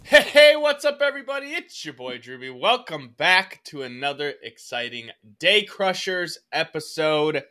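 A man's voice: on the high side, sing-song, normal speed, hardly any pauses, sharp tone. A man hosting a motivational podcast interview, upbeat and emphatic with hype-man energy. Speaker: podcast host.

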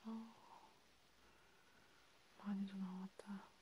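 A woman voicing a menacing grim reaper in an ASMR role-play, scolding and threatening, slowly. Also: mid-range voice, level tone, warm tone, a little hiss or hum. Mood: cold, reproachful. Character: menacing female grim reaper punishing a sinner's soul.

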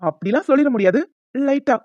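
A woman voicing the husbands, brothers and a doctor in an animated family story, with brisk, reassuring delivery. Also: high-pitched, no echo. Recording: dry, dull lo-fi home mic.

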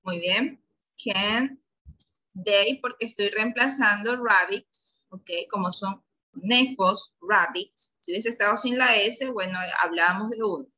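A woman's voice: medium pitch, a little slow, sharp tone, rough recording. A woman with an Ecuadorian Spanish accent teaching an English lesson to young pupils, patiently coaxing them with questions. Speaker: primary school English teacher. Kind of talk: online class lesson.

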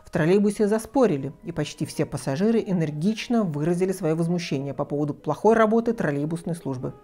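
Woman reading a kids fairy tale, warm mellow voice, faint music under it. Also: on the low side, fast talker. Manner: expressive, lively storytelling. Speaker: storyteller.

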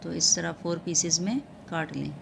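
A woman hosting a home cooking tutorial, explaining each step calmly with frequent pauses and filler sounds. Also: lowish voice, creaky, noisy background. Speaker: cooking channel host.

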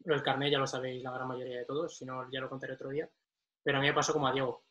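A young man chats casually and emotionally, breaking into laughter as he tells his story. His pitch sits in the middle for a man. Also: level tone, rapid-fire, a bit bright, muffled recording. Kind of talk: casual chat.

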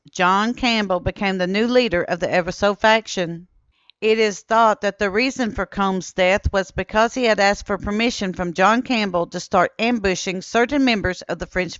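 A woman narrates a documentary script in a steady, measured way, reading old newspaper quotes aloud. Her voice is smooth and clear at a mid pitch. The recording is dry, with a slightly muffled, dull tone. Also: dry recording. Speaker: history channel narrator.

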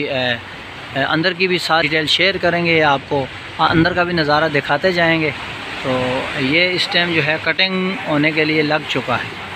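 A young man from Pakistan casually vlogging outdoors on a beach, explaining things in a chatty way with many filler pauses, filmed on a phone at arm's length. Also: fairly high pitch. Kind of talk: casual vlog walkthrough. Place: windy beach at a shipbreaking yard, outdoors. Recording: loud wind and surf noise.

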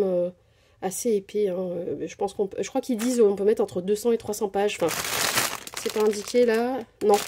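A woman of Portuguese descent, a craft vlogger, casually narrates her craft haul with plenty of fillers and hesitation, hands only in frame under an overhead camera. She has a mid-range, dark-toned voice with a little hiss or hum.

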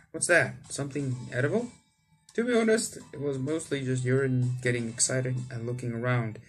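A young adult man voices a visual novel let's play from an indoor room with game music playing, reading the text aloud and tossing in exclamatory, theatrical asides. His voice sits in the mid-range, and the audio is poor.

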